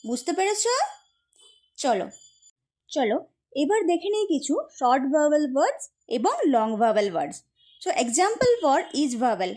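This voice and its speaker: A woman teaching an English grammar lesson, speaking to her students as friends and repeating each example word slowly and clearly. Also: high voice, big pitch swings, warm tone.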